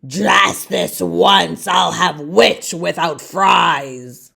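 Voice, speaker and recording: A woman's voice: lowish voice, drawn-out words, creaky, pushed and bright, slightly rough, voice pushed down, exaggerated voice. A woman voicing a mean male dragon in a children's storybook. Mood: menacing. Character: mean, menacing male dragon who turns cowardly.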